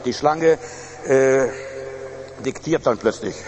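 A man's voice: mid-range voice, takes it slowly, background noise. Emphatic male pastor in echoing hall. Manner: emphatic preaching with frequent fillers and restarts. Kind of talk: sermon. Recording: reverberant hall, faint ambience.

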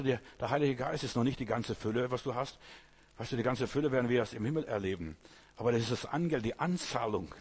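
Man, sermon, husky voice, talks straight to the listener, storytelling preacher. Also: mid-range voice. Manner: addresses listener directly, storytelling, voices quoted figures.

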